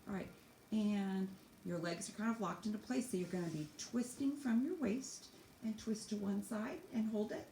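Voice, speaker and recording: Medium-pitched and warm, this woman speaks at a normal speed as she leads children through yoga stretches, offering simple, encouraging step-by-step cues while demonstrating the moves. The room is echoey, with faint background noise.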